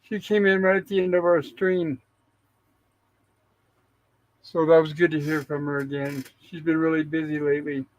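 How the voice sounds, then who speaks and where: A man co-hosting a live-streamed classic TV review show, casually retelling episode plots in a relaxed, storytelling way. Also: a little high, moderate pace, long pauses. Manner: relaxed storyteller paraphrasing scenes. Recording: dull lo-fi sound.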